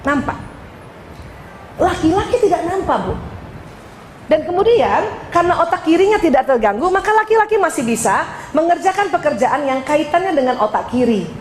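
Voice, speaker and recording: A woman's voice: sits high, moderate pace, echoey room, slight background noise, rough recording. A woman from Indonesia giving a religious lecture to women, joking and speaking straight to her audience. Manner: lively, joking, addresses audience directly.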